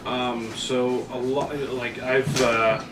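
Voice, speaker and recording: A man's voice: mid-range voice, level tone, slow, over loud music. A man from the US Northeast with a Vermont accent, chatting casually as an interview guest in a rambling, self-deprecating way. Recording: echoey room, distant mic, noisy background.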